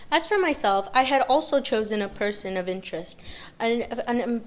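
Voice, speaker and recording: A woman's voice: a little high, expressive, normal speed. A teenage girl hosting a school news segment, giggling and stumbling over her words. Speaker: student news reporter. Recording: loud background noise.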